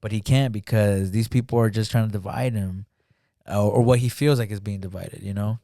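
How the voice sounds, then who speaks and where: A man chatting as a podcast guest in a fairly low, mellow voice, recorded dry and close. He talks in a halting, filler-heavy way. He keeps slipping into acted-out lines as he retells a film. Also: fairly even intonation, no echo. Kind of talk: casual podcast chat. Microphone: studio podcast mic.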